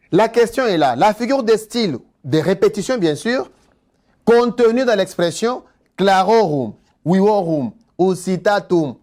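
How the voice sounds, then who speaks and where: A man teaching an exam-prep lesson, slowly repeating key words and asking his students rhetorical questions. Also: high-pitched, a little mellow. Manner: slow and deliberate, repeats key words, spells out terms; asks the class rhetorical questions.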